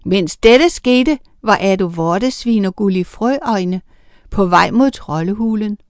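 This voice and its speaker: A woman reads a children's storybook aloud with lively expression. Her voice sits at an ordinary pitch. The recording is close and dry with no room echo. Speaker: narrator.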